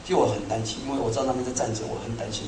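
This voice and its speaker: A middle-aged man preaching a sermon to a congregation, telling stories in an animated, self-mocking way. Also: medium pitch, rapid-fire, noisy background. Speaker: pastor. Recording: echoey hall, speaker far from mic.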